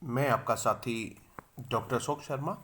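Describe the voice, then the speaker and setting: A man teaching English pronunciation in a video lesson. He spells words letter by letter, sounds them out slowly and repeats them, and asks the viewer questions that he then answers himself. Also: medium pitch, a bit bright.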